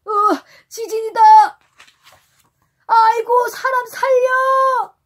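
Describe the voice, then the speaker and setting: Woman acting a high, excitable storybook sailor for a toddler. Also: moderate pace, husky. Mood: panicked. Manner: exclamatory, dramatic, reading to a toddler. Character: bold, excitable male sailor adventurer in a storybook.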